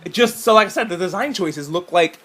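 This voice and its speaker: A man's voice: high-pitched, brisk, bright, forceful tone. A man co-hosting a casual reaction chat about a games showcase, rambling through his notes and swearing freely. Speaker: co-host.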